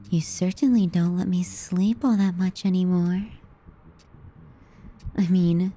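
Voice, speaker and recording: A woman plays a teasing, clingy younger sister in an intimate ASMR roleplay, speaking close to the mic in a dark, soft, medium-pitched voice that dips breathily toward a whisper. She takes her time, landing sardonic jabs with a possessive edge.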